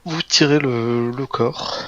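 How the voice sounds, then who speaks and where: A man running a tabletop game as game master, talking in a relaxed, hesitant way with many fillers. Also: mid-range voice, takes it slowly, lo-fi sound, crowd noise.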